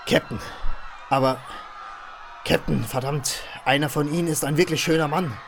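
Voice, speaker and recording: A man's voice: a little high, normal speed, vocal fry, noisy background. A man playing a hesitant young soldier who reluctantly reports to his captain in a dramatic skit. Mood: uneasy. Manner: pleading, reluctant.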